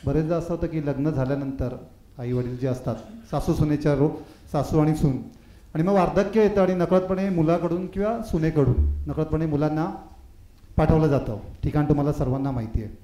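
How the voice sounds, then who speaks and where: A man hosts the event and puts questions to the guest in a formal way. He hesitates and rewords himself as he goes. His voice is mellow and sits a little high, and it echoes around the hall. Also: fairly even intonation, a little fast. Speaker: host asking questions.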